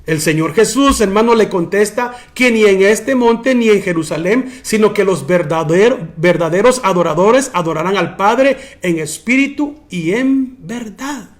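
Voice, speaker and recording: A pastor teaching a sermon. His voice is high for a man, and his delivery is animated. He keeps turning to his listeners as brother. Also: a little slow, hardly any pauses.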